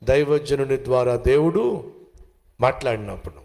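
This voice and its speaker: A man's voice: mid-range voice, expressive, moderate pace, gravelly, a little mellow. A male pastor preaching a sermon, with emphatic repetition and direct questions to the listeners.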